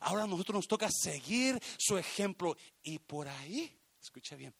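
A man's voice: high-pitched, big pitch swings, normal speed, gravelly, husky, no echo. A man preaching a sermon as pastor, impassioned and repeating himself, checking whether the congregation hears him and slipping in English phrases. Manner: impassioned, repeats lines, asks the church if they hear him, mixes in English phrases.

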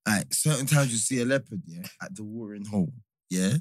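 A man with a London roadman accent in animated group banter, speaking emphatic street slang and repeating himself to drive points home. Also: lowish voice, fairly quick, breathy edge. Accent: London, urban street slang.

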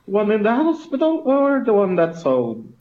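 A man's voice: high-pitched, huge pitch swings, moderate pace, lo-fi sound, over a noisy crowd. A man co-hosting a podcast in casual chat from a hospital room, with a laid-back delivery and lots of fillers, his voice sounding like it is in a cave. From Norway. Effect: cave-like echo. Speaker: podcast co-host.

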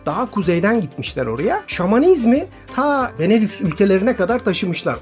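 Lively Turkish storyteller woman, high voice. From Istanbul, Turkey. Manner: lively anecdotal storytelling, addressing listeners directly. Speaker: touring cyclist, radio guest. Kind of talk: storytelling in a radio interview.

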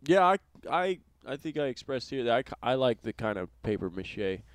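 A man co-hosting a podcast in casual chat, relaxed and loose, saying "dude" often and trailing off in fillers. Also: medium pitch, brisk. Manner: laid-back, says "dude" a lot, trails off with fillers. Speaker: podcast co-host.

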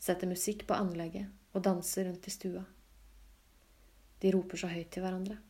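A woman reading literary fiction aloud in a calm, even, low-key way. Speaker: audiobook reader. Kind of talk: scripted literary narration.

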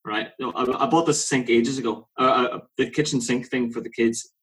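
A man in casual conversation as a podcast co-host, telling rambling stories and interrupting himself, his voice jumping up when he gets excited. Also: medium pitch, moderate pace, breathy edge, low-quality recording. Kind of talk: casual chat.

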